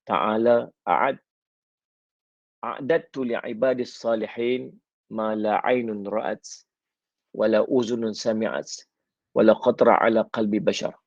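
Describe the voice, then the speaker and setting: A man preaching with a Malaysian Malay accent. His voice is heavily gravelly and husky. The recording is dull and dry, like a lo-fi room capture. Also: fairly low pitch, no echo. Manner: animated storytelling with soft drawn-out pauses. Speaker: religious teacher. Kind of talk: Malay-language sermon storytelling.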